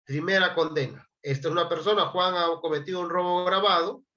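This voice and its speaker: A man's voice: sits high, fairly even intonation, fast talker, pushed and bright, dull audio. A man giving a law class, reading statute articles aloud and prompting his students to answer. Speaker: law lecturer. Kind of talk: classroom lecture.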